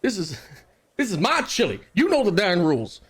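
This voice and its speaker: A man's voice: high-pitched, wildly swooping pitch, moderate pace, fairly bright tone, husky, pitched above the performer's own voice, heavily acted. A man voicing a hot-headed male chili cook who argues in a heated folksy drawl. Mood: defensive.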